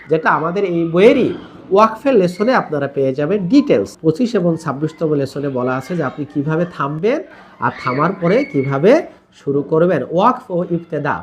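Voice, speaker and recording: A man's voice: fairly high pitch, a little hiss or hum. A man teaching tajweed, patiently explaining rules and demonstrating Arabic pronunciation by drawing out the vowels, with English words mixed in. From Bangladesh. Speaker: online Quran teacher.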